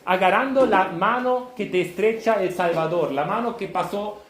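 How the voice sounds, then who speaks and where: A man preaching a sermon, emphatic and half shouting, often checking in with listeners. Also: high-pitched, normal speed. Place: church hall. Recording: echoey church room.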